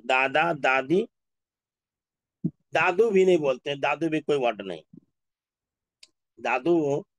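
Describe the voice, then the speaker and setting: A man teaching an Urdu class, going through word lists slowly and repeating each word. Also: fairly high pitch, dry recording. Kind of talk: classroom lesson.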